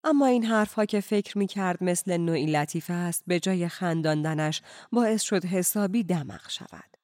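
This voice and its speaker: Calm, measured audiobook narrator. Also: medium pitch, no echo, studio quality. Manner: calm, measured, slipping into whispers. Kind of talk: scripted narration.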